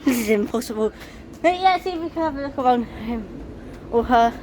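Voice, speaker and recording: With her phone in hand beside busy streets and bus stops, a woman who loves transport gives a casual, excited running commentary of bus fleet numbers and number plates. Her voice is on the high side and she talks fairly quickly. Street noise and traffic come through clearly on the noisy recording.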